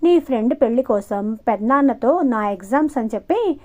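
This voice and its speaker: A woman's voice: on the high side, lively intonation, brisk, natural voice. A woman voicing a bossy, defiant young female student who talks sharply, in audiobook dialogue. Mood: demanding. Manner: sharp, demanding. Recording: muffled lo-fi recording.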